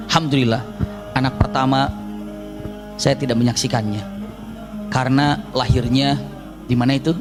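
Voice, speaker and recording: A man preaching and telling a personal story in a lively, humorous way, acting out dialogue and making sound effects. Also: fairly high pitch.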